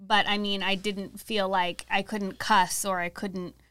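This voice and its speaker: A woman co-hosting a casual podcast chat, earnest and chatty, quick to laugh. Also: mid-range voice, flat delivery, a bit bright, smooth.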